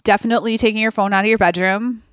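A woman speaking as a podcast guest in a relaxed, earnest conversation, reflective and quick to laugh. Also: mid-range voice, clean tone, dry recording, studio quality. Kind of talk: conversational interview.

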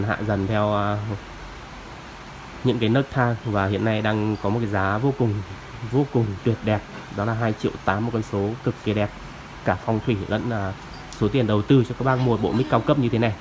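A man's voice: on the low side, rough recording. A man giving a polite, hesitant product demo as an audio shop salesman. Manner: polite, deferential, with frequent hesitations. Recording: music playing clearly behind.

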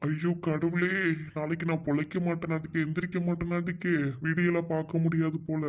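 A deep, mellow cartoon husband played by a woman, meek and henpecked, pleading in a Trichy Tamil accent. The voice sits low and soft, far under the other figures. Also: flat delivery, fairly quick, natural voice. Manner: pleading, whiny.

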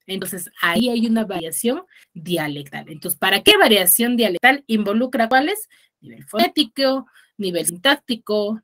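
Medium in pitch with a fairly bright tone, this woman speaks Peruvian Spanish with a Huaraz accent. As a secondary school teacher from Peru, she explains a lesson in an online class via video call, pausing often to check with her students.

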